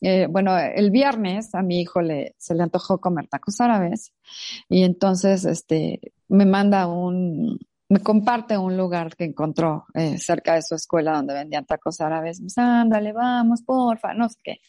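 A middle-aged woman, chatting casually as a co-host and telling an animated story, acting out the voices in it. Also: on the low side, unhurried, no echo, studio quality. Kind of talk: casual chat.

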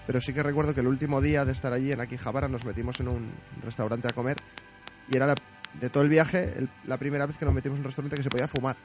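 A man's voice: medium pitch, steady tone, very fast. A man hosting a podcast interview, chatty and stumbling over restarts. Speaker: podcast host. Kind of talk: casual interview. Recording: clear music under the voice. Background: music.

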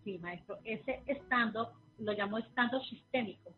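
A Venezuelan woman, a therapist and guest, answering interview questions quickly, with many fillers and restarts. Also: fairly high pitch, faint music behind. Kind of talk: remote interview. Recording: tinny phone line.

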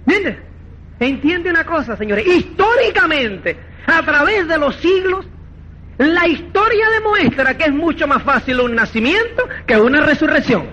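A man giving a motivational network marketing seminar, animated and acting out quoted dialogue, repeatedly checking that listeners follow. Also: extremely high pitch, unhurried, highs cut off. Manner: animated, acts out quoted dialogue, keeps asking "¿me entiendes?".

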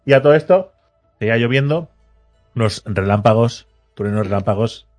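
A man's voice: mid-range voice, lively intonation, moderate pace, a little mellow, soft background music. A man hosting a podcast, telling a story in casual chat, acting out the people he quotes with a teasing edge.

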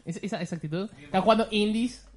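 A man's voice: high-pitched, fast talker. A young man with an Argentine Spanish accent, joking and teasing his friends in casual chat, swearing freely. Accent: Rioplatense Spanish. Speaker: panelist.

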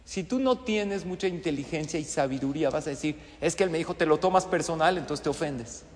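A man giving a motivational talk to an audience, animated, acting out scenes and asking questions. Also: fairly high pitch, fairly quick. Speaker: speaker addressing an audience. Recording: long hall reverb.

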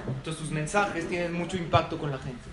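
A man's voice: fairly high pitch, brisk, a crowd in the background. A man giving a humorous lecture to a live audience, often asking them questions. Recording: echoey hall from far off, noisy.

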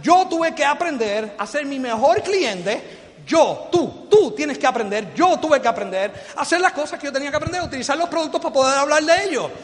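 A middle-aged man from Puerto Rico with a Puerto Rican Spanish accent, giving a motivational business speech to a live audience. He is animated and joking, acts out quoted voices, and asks the audience questions. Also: very high-pitched, brisk. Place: large hall before an audience. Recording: long hall reverb.

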